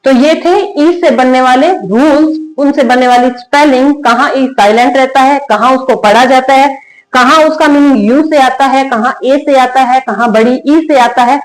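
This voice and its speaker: A woman teaching English spelling rules in Hindi, asking questions and answering them herself, drawing out example words slowly. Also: high voice. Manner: repeats questions and answers them herself, slow drilled word readings. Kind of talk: Hindi-medium spelling lesson at a board. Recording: echoey room.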